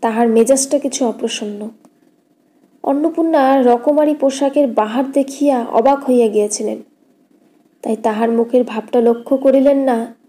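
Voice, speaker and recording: A woman audiobook narrator reading a classic novel in a steady, measured way. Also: a little high.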